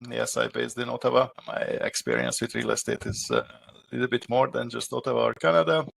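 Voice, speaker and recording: A middle-aged man from Hungary with a Hungarian accent, answering interview questions as a property manager, with halting speech and many filler pauses. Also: mid-range voice, animated, creaky, fairly bright tone, no room sound.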